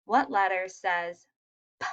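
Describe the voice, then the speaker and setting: A woman teaching a phonics lesson to young children, sounding out letters slowly and praising answers. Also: mid-range voice, fairly bright tone, clear, resonant tone, highs cut off. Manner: slow, sounding out letters, encouraging.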